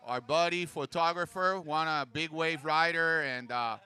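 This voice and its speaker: A man's voice: fairly high pitch, measured pace, bright, forceful tone, clear, resonant tone. A man from Puerto Rico co-hosting a surf contest, chatting casually and informally between live score calls. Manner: informal, chatty, switches into Spanish for asides. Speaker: local surf contest co-host and announcer. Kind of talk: casual live commentary and chat.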